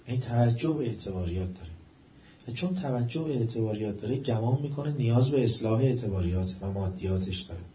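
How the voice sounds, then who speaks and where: A man's voice: mid-range voice, lively intonation, dark tone, slight background noise. Man giving an emphatic religious lecture, echoey. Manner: rising to emphatic peaks, drawn-out stresses. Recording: echoey room, dull lo-fi sound.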